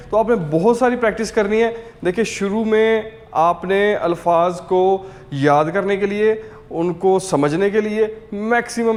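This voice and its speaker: A man teaching a beginner language lesson, patiently repeating each word over and over. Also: high voice. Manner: patient, drills words over and over. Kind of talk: slow repetitive language lesson.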